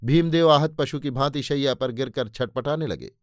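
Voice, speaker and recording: A man's voice: medium pitch, moderate pace, no echo, clean studio sound. A man narrating a historical novel in Hindi as an audiobook, voicing the characters' dialogue with feeling. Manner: voices the characters' dialogue with emotion. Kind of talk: dramatic novel reading.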